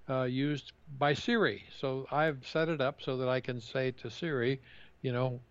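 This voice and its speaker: A man co-hosting a casual tech chat who speaks haltingly and often restarts his sentences. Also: medium pitch. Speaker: tech podcast co-host. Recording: dull, slightly muffled dry sound.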